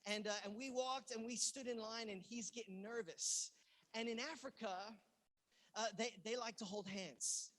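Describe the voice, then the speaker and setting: A male pastor from England preaching a sermon, telling a personal story and acting out the dialogue with sudden loud bursts. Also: very high voice, moderate pace. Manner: animated storyteller who acts out quoted lines with loud outbursts. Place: church in Los Angeles.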